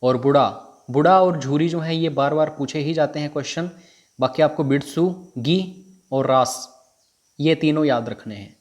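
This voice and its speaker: A man's voice: a little high, normal speed, a little mellow. A man teaching an exam prep lesson, repeating which facts to memorize. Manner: repetitive, drilling what to memorize.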